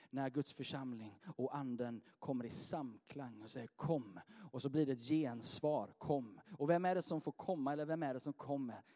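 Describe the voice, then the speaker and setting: A man preaching a sermon in a church, swinging between loud rising calls and soft, quiet appeals. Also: medium pitch. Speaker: pastor. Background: soft guitar music.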